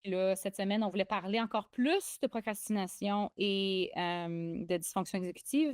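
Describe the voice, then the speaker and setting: A young woman with a Québécois accent co-hosting a podcast, chatting excitably with lots of fillers and restarts. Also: mid-range voice, clean tone, no echo, clean studio sound. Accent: Québécois French. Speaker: podcast co-host. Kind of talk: casual podcast chat.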